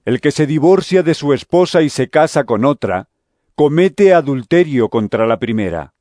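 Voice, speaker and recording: An actor playing Jesus in an audio drama, a solemn, authoritative yet gentle male teacher speaking in measured phrases. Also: on the high side, lively intonation, no room sound, studio quality, natural voice. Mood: firm teaching.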